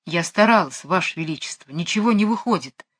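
A woman's voice: on the low side, animated, a little fast, fairly bright tone, slightly rough. A woman reading a storybook aloud, voicing a plaintive female cow who cannot stop dancing. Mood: pleading. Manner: plaintive, complaining. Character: gloomy lovesick cow dancing nonstop, female.

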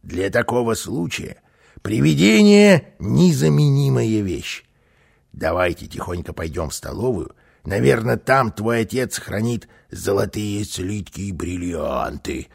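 A boastful, playful little flying man from a storybook , put on by a male narrator. The voice sits high and loud with a self-satisfied swagger, a raspy grain and wide, lively swoops of melody. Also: measured pace, full character voice. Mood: hushed. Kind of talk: audiobook character voice.

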